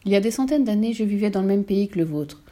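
A woman voicing a gentle, weary ghost princess who speaks softly and sorrowfully, in a storybook reading. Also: mid-range voice, lively intonation, fast, close to an everyday voice. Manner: soft, sorrowful telling.

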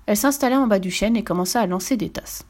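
A woman reading a children's story aloud with gentle, expressive narration. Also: medium pitch, quick pace.

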